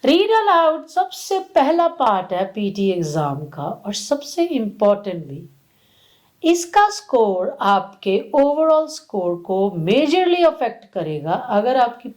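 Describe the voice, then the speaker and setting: A woman's voice: sits high, darkish tone, rough recording. A woman coaching exam students in a video lesson, switching between Hindi and English. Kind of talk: video lesson on test tips.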